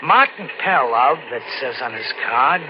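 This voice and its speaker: In 1940s radio thriller style, a male actor with a mid-range, expressive yet natural voice plays a frightened, guilt-ridden drifter with a record, narrating in first person. He's panicky and scheming, halting and anxious, repeating words in street slang. The old radio recording sounds dull, with dramatic music and a noisy background.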